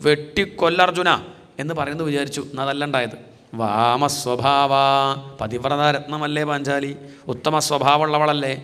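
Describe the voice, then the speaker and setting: A man giving a devotional scripture discourse, chanting verses slowly and asking rhetorical questions. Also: on the high side, flat delivery, a bit bright. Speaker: religious discourse speaker. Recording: long hall reverb.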